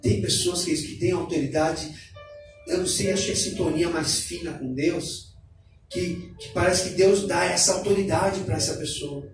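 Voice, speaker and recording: A male pastor preaching a sermon, swinging from shouted exhortation to low, quiet storytelling. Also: steady tone, normal speed. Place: church hall. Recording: echoey church hall from far off, with music.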